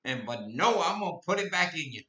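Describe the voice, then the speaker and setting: A man's voice: on the high side, sing-song, a little fast, sharp tone. A man in his eighties hosting a live-stream podcast, rambling and repeating himself, then rising to impassioned declarations. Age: 80s. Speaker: podcast host. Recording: echoey, distant, dull lo-fi.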